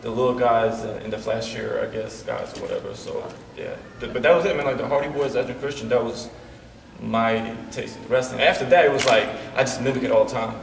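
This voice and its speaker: Heard from a distance in a roomy, echoing space with a noisy background, a gravelly man speaks briskly at medium pitch in a steady tone. He's a wrestler from Bosnia in his late twenties, appearing as a guest for casual interview chat. His easygoing manner comes with nonstop "you know what I'm saying" fillers.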